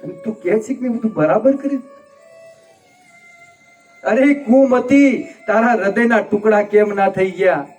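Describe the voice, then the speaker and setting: Male storyteller as young prince, grief-stricken and pleading, high voice, faint music behind. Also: measured pace, pauses often, darkish tone. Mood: anguished. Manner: impassioned, tearful pleading. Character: young prince Bharat, grieving and self-reproaching.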